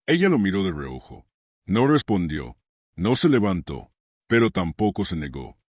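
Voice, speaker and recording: A man narrating a scripted story in a measured way with dramatic pauses. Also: low voice, big pitch swings, a little mellow, husky, no echo, studio quality.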